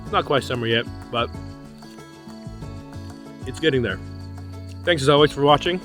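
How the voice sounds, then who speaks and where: A man's voice: mid-range voice, normal speed. Middle-aged guy chatting outside by his van at dusk, mouth full, easygoing, faint music under it. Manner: relaxed, talking with his mouth full while eating. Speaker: van life vlogger. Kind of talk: casual vlog chat.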